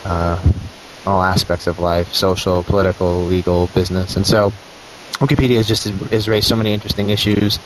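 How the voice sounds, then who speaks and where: A man guesting on a podcast answers questions over remote call audio, thinking aloud and restarting his sentences. His voice sits somewhat low. A faint hiss lies under the line. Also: little pitch movement, brisk, poor audio. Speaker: journalist guest. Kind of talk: interview answers.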